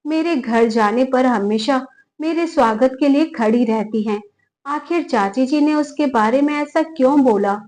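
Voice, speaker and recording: High-voiced woman storyteller. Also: a little mellow, poor audio. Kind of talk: first-person story narration.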